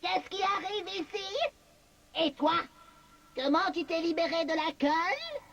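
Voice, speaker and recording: A woman's voice: very high voice, animated, a little slow, a loud crowd, heavily acted. A woman voicing a wicked, taunting cartoon fortune-teller, gloating and commanding. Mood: alarmed. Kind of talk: children's cartoon acting.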